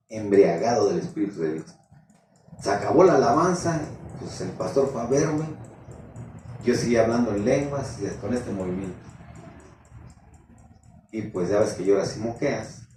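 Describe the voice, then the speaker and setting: A male pastor giving an animated sermon testimony, quoting his own prayers as he tells the story. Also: on the low side, normal speed, long pauses, a little hiss or hum. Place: church. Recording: echoey church hall, distant mic.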